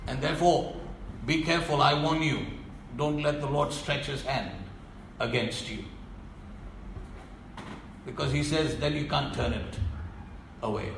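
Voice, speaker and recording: A man preaching a sermon in an emphatic, stern way, often sinking to a low voice to press a point. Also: measured pace, creaky, pauses often, a bit bright, echoey room, slight background noise, low-quality recording.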